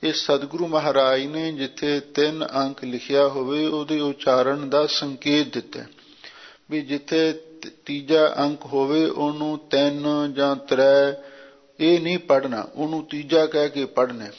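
A man explaining Sikh scripture verse by verse in a measured, repeating manner. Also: on the high side, level tone. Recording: muffled lo-fi recording.

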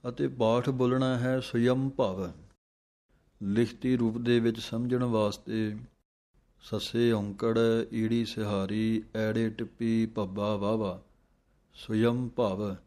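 Slow, low-voiced man chanting and explaining. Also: steady tone, a little mellow. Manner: slow chanted verses alternating with quick spoken explanations. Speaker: teacher of scripture recitation. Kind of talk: recitation lesson, chanting verses then explaining pronunciation.

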